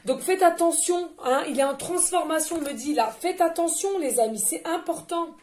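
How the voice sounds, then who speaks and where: Woman medium, high voice, gushing and talkative, speaks right to her audience during a card reading. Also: moderate pace, a little mellow. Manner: effusive, exclamatory, chatty; addresses listeners directly and often. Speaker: tarot and oracle card reader. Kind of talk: channeled card reading for viewers.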